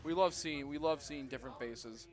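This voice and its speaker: A man giving live color commentary on a fighting game tournament, explaining the play in a measured, analytical way. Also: on the high side. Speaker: esports co-commentator. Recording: music playing behind.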